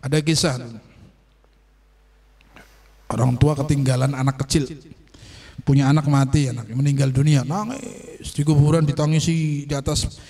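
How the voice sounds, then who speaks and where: A man teaching an online sermon on Sufi patience, explaining slowly and checking that his listeners understand. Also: fairly high pitch, fairly even intonation, mellow. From Indonesia. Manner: explains slowly, asks "understand?" often, acts out quoted voices. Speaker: religious teacher.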